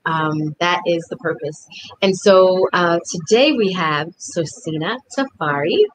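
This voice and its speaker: A woman's voice: on the low side, a little slow, slight background noise, poor audio. Friendly middle-aged woman host. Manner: friendly, laughs easily. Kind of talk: online interview.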